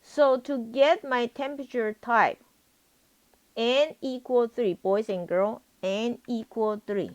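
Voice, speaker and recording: Teaching programming live, a woman professor speaks at a slow pace in a higher-pitched voice, the recording's highs cut off. She's repetitive, often pausing to make sure students understand.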